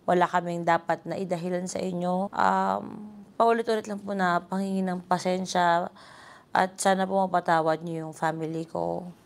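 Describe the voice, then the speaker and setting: A woman's voice: on the low side, level tone, moderate pace, creaky. A woman with a Filipino accent giving earnest, frank commentary to camera. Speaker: leader of the vlogging family, commentator. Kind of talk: talk-to-camera commentary and apology.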